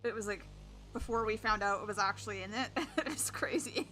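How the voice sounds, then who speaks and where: A woman streamer chats her way through a live stream, rambling casually. Her voice is bright and forward. There is faint music in the background. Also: medium pitch, a little fast. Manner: chatty and rambling, with frequent laughs.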